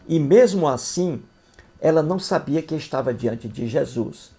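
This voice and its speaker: Speaking in a warm, creaky voice of medium pitch, this video commentator mocks scripture in a teacherly way. He goes over his points more than once and keeps asking "entendeu?" to make sure his audience is keeping up.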